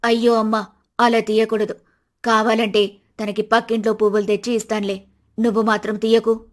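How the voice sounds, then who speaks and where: A woman voicing a strict, proud middle-aged mother-in-law in an animated storybook, scolding in a stern voice. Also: a little high, fairly quick, close to an everyday voice.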